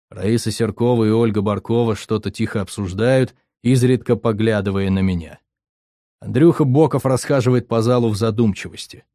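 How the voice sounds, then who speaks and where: A man's voice: lowish voice, mellow, no room sound, studio quality. A man reading a novel aloud in a brooding first-person narration. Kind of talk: audiobook narration.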